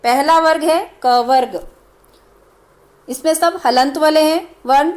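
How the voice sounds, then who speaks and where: A woman's voice: high voice, takes it slowly, darkish tone. A woman teaching a grammar lesson, explaining carefully and sounding out each letter one by one. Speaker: Sanskrit teacher. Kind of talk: slow step-by-step grammar lesson.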